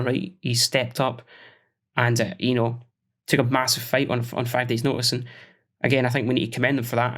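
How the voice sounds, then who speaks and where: A man hosts a solo podcast, working through his thoughts out loud. He rambles, pauses on fillers, and corrects himself mid-sentence. His voice sits at a middle pitch. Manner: rambling, thinking aloud with fillers and self-corrections. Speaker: podcast host.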